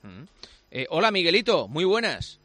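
A man hosting sports radio with a bright, sharp tone, steering guests with questions and quick asides. His voice sits somewhat high. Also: big pitch swings, no room sound. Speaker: host.

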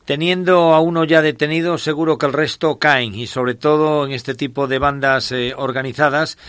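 A man with a mid-range voice hosts a radio news segment. His voice sounds dry and close, and he explains calmly, pausing on fillers. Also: on the high side, clear, resonant tone, no echo. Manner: measured, explanatory, with filler pauses. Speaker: radio host.

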